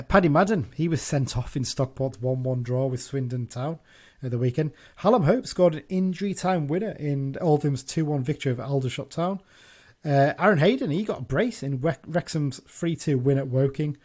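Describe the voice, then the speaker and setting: A man hosts a relaxed football podcast in an ordinary mid-pitched voice. He chats along loosely, restarting and correcting himself as he goes. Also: moderate pace. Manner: chatty, with frequent restarts and self-corrections. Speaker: podcast host. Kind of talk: casual football chat.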